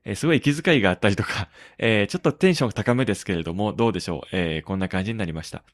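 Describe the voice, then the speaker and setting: A man hosting a tech podcast in casual talk, pausing often on drawn-out fillers between phrases. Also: fairly low pitch, no echo. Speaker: podcast host.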